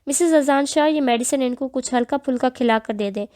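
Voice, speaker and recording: A woman's voice: high-pitched, darkish tone, no room sound, studio quality, lightly acted. Woman narrator doing a formal doctor guy, careful, warning tone. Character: cautious male hospital doctor.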